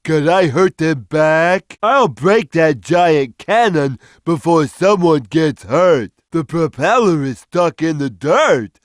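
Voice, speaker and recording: Big gentle dim cat, video game cartoon character, childlike, slow drawl, raised pitch. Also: male voice, lively intonation, no room sound, studio quality. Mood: gentle, simple. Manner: slow, simple, childlike, drawn-out delivery.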